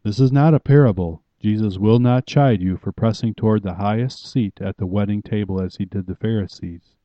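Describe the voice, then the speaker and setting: A man's voice: fairly low pitch, fairly quick, no room sound, muffled recording. A man preaching a sermon in an emphatic, commanding way as a pastor.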